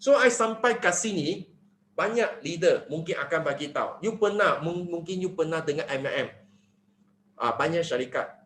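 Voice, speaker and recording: A man giving an animated sales presentation, often asking his listeners rhetorical questions. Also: a little high, moderate pace, echoey room. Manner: animated, mixing in English phrases, asks rhetorical questions. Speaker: network marketing presenter.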